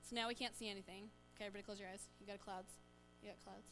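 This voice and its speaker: A woman leading a children's sermon in a church, coaxing the children along with lively questions. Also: mid-range voice, racing, slight background noise. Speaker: church children's message leader. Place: church sanctuary.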